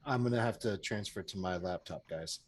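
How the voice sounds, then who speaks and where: A man's voice: low-pitched, a little fast. A man acting as game master in a tabletop game, hesitant and full of fillers, on a home mic over a voice call.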